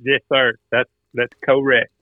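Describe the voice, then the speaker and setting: A man's voice: medium pitch, level tone, measured pace, no room sound. A middle-aged or older man with an Arkansas Southern accent and a folksy drawl, telling stories casually as a guest. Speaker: guest, duck caller and turkey hunter. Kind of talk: casual storytelling interview. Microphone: remote phone call. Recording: tinny, narrow phone line.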